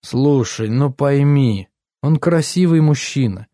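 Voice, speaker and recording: A man's voice: medium pitch, slow pace, mellow, no room sound, studio quality, natural voice. A man voicing a young woman in an audiobook, who pleads and then turns indignant. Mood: pleading. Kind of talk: audiobook character voice.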